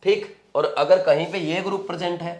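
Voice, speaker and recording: A male chemistry teacher with a somewhat high voice leads a class, working through the material step by step. He speaks with English technical terms mixed in and keeps pausing to ask whether the students have understood. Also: fairly even intonation, a little mellow. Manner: explains step by step, often checking if students follow. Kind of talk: classroom lecture at a board.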